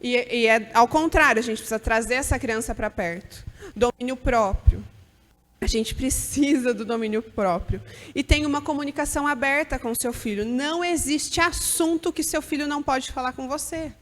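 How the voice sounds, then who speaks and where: A woman's voice: high voice, moderate pace, long reverb tail. A woman giving an earnest, direct church talk to mothers. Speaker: church speaker at a mothers' gathering.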